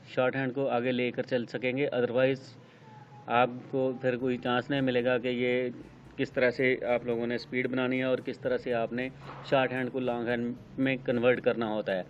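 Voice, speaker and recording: A man with a Pakistani accent teaching shorthand, explaining step by step with many pauses. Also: medium pitch. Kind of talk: screen-recorded tutorial explanation. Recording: dull lo-fi sound with faint noise.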